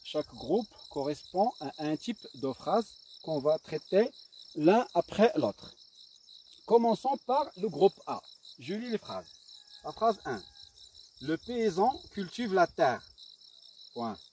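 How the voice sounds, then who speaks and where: Un homme enseignant donne une leçon de grammaire avec un marocain, lentement, en répétant et en marquant des hésitations. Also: male voice, fairly high pitch, sing-song, mellow. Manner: slow, deliberate, dictating and repeating, with fillers. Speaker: primary school teacher. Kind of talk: grammar lesson. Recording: distant mic with faint insect noise.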